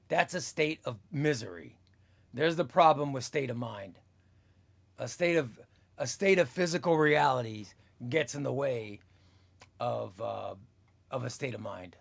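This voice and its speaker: This man in his fifties hosts a comics livestream, reading viewer comments aloud in a casual, rambling chat and repeating his phrases. His pitch is fairly high, his tone fairly bright, with some vocal fry.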